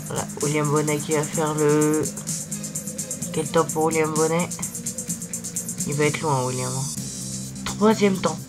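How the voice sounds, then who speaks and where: A young man hosts a gaming video with a sore, swollen-tonsil voice. His delivery is very even and halting as he searches for words. Loud music plays behind his casual cycling commentary. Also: a little high. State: sick with tonsillitis, swollen-throat weakened voice.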